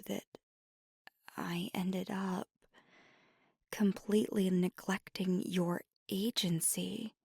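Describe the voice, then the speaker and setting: In an intimate ASMR roleplay, a woman plays a gentle, remorseful vampire girlfriend who is anxious and tender as she confesses. Her medium-pitched voice comes in a halting, breathy, mostly whispered hush, heavily acted and recorded dry on a close microphone.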